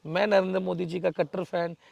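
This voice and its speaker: A man answers interview questions in a forceful, defiant manner, pressing his points with emphatic rhetorical questions. His voice sits high and carries a gravelly rasp. The recording is dry, with no room echo. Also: flat delivery, a little fast, highs cut off. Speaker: local political figure, interviewee.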